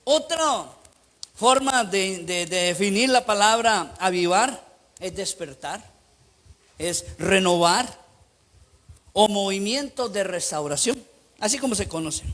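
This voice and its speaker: High, bright-voiced Costa Rican preacher. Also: male voice, slow, pauses often. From Costa Rica. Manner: emphatic preaching with lively anecdotes. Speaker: pastor. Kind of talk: sermon.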